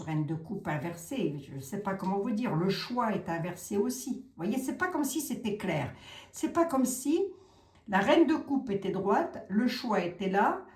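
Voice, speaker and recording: A woman's voice: medium pitch, darkish tone, reverberant. A middle-aged woman giving a casual tarot reading, chatty and frank, with mocking asides. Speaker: tarot reader.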